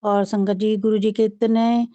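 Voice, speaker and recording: A woman leads a devotional talk and mantra chant in a steady, flat monotone. Her voice is dark and mellow, and it sits in a dry, dull lo-fi recording. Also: medium pitch, a little slow, no room sound. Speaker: devotee leading a prayer chant.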